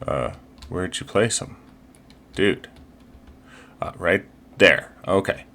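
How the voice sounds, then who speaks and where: A man's voice: low-pitched, takes it slowly, vocal fry, a bit bright, a little hiss or hum. A man casually commenting over his life-simulation gameplay, chatty and upbeat, with frequent fillers and restarts. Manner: chatty, fillers and restarts, playful pirate talk. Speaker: gaming video host.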